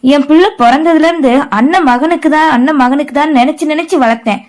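A woman's voice: sits high, normal speed, voice pushed up, close to an everyday voice. A woman voicing a distraught middle-aged mother who wails and laments over her daughter. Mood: upset. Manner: wailing, lamenting.

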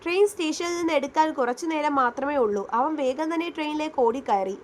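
A woman storyteller narrating a romance story in a steady, dramatic way. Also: sits high, brisk, slight background noise.

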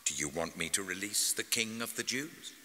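A man playing an imperious, exasperated Roman governor in a dramatised scripture reading, declaiming his questions forcefully. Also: fairly low pitch, lively intonation, moderate pace, slight background noise. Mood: firm, declaring. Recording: long hall-like reverb.

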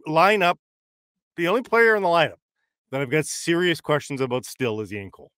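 A man in his forties co-hosting a hockey podcast, giving his opinions firmly and jumping in with quick remarks, recorded on a large studio mic in a small padded room. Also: on the high side, sing-song, fairly bright tone, smooth, no room sound. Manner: emphatic, opinionated, quick interjections. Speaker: podcast co-host. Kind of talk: casual sports banter. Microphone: large studio mic with headphones.

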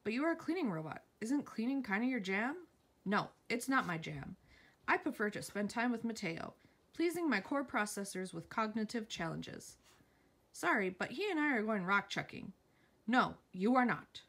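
A woman reading TV captions aloud at speed, jumping between reading and her own quick asides. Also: a little high, sing-song, fairly bright tone.

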